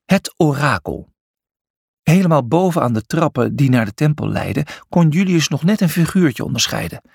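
A man narrating a children's storybook in an expressive, scripted reading. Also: fairly high pitch, normal speed, creaky, slightly rough, dry recording, clean studio sound. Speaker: audiobook narrator.

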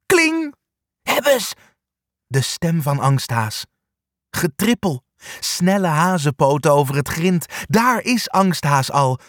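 Man, children's story reader, expressive, widely varied pitch, slow pace. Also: dry recording, studio quality. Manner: expressive, animated reading. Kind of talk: reading a children's story aloud.

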